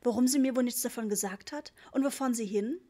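Woman doing a shrill fretful holiday mother. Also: quick pace, mellow, lightly acted. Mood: indignant. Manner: shrill and complaining. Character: fretful, indignant middle-aged mother on holiday.

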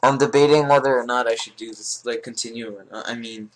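A man's voice: steady tone, fairly quick. Jokey young gamer guy commentating. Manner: jokey, self-mocking, swears, talks to viewers; drops to whispers when tense, jumps to a squeaky high voice to taunt players. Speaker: gaming video host. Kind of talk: casual gameplay commentary.

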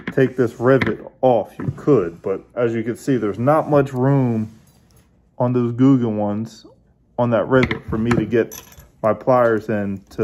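A man hosting his own fishing channel, casually showing how he bends and adjusts a lure while he talks, in a relaxed hands-on way. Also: medium pitch. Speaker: bass angler, channel host.

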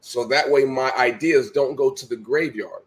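A middle-aged man joins a video call as a guest from a room at home, speaking at medium pitch and normal speed. His motivational talk is emphatic and preachy, and he keeps repeating his key phrases.

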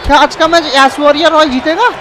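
A male gameplay commentator with a high voice speaks a little fast, excitable and often shouting, and he keeps calling people "bhai." The recording is noisy, with crowd sounds and the general din of a video game arena behind him.

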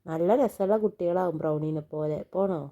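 Soft, mellow woman coaxing a child. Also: on the low side, fairly even intonation, normal speed. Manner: gentle, coaxing, reassuring. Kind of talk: casual chat with a small child.

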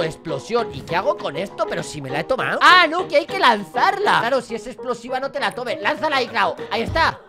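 Excitable woman gaming. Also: fairly high pitch, gravelly. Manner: excitable, jokey, often repeats words. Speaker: gaming YouTuber. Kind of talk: Let's Play commentary.

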